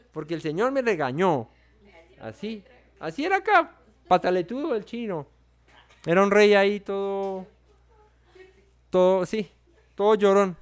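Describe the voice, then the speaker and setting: Bible study teacher, man, clear voice sitting a little high, playful and chatty. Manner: playful, acts out the characters' lines with comic voices.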